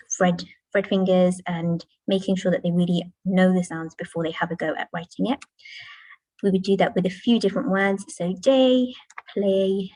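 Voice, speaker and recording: Indoors at a school, a woman teacher presents to parents, explaining patiently and modelling classroom chants. Her voice is lowish and darkish, and the recording is dry with poor audio.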